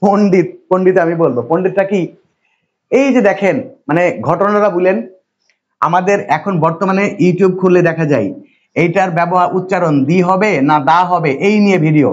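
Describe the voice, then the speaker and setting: A man from Bangladesh lecturing a classroom, his voice a little higher than most men's. He talks in a repetitive, reassuring way and keeps quizzing his students. The recording is dull and lo-fi. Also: normal speed. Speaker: English teacher.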